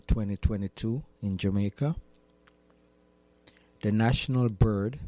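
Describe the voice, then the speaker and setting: Low, slow-paced man reading radio bulletins. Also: warm tone, no room sound. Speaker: radio presenter. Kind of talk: scripted facts and weather reading.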